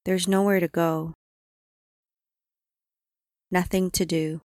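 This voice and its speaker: Slow, soothing woman guiding meditation. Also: on the low side, dry recording, clean studio sound. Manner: calm, soothing, unhurried instructions with long pauses. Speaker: meditation guide. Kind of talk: guided body-scan meditation.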